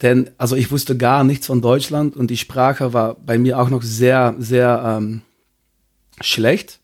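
A man's voice: medium pitch, level tone, takes it slowly. A man from Belgium, a podcast guest speaking hesitantly and searching for words in a casual interview.

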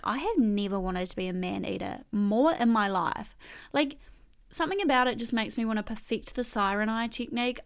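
A young woman hosting a casual song countdown, talking in an animated, slangy, gushing way. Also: on the high side. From New Zealand. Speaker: host.

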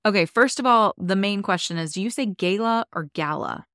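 A woman's voice: medium pitch, quick pace, fairly bright tone, no room sound, studio quality. A young adult woman, co-hosting a podcast in casual, enthusiastic chat full of "like". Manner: chatty and enthusiastic, many likes. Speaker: podcast co-host.

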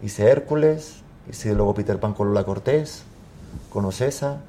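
A man, an actor guest chatting on a talk show, animated, laughing often and acting out the lines he quotes. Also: on the low side, measured pace, a little hiss or hum. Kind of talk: casual talk-show chat.

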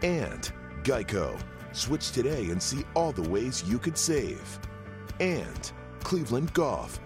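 A man's voice: medium pitch, wildly swooping pitch, slow pace. A man reading a scripted promotional voice-over as a broadcast sponsor announcer. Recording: music bed under the announcement. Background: music.

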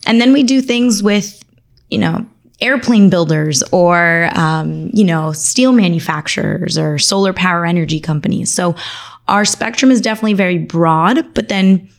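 An articulate woman guest from Argentina talks through her legal work with enthusiasm. Her voice sits a little low for a woman. She rattles off lists of services and industries in an easy conversational flow. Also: normal speed, creaky. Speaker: attorney, podcast guest. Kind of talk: conversational interview.

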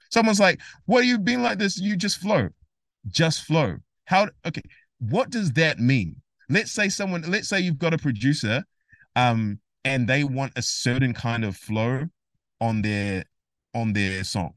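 A man guest on a casual interview podcast, explaining music theory in an animated, emphatic way and acting out imagined conversations. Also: medium pitch, no room sound, studio quality.

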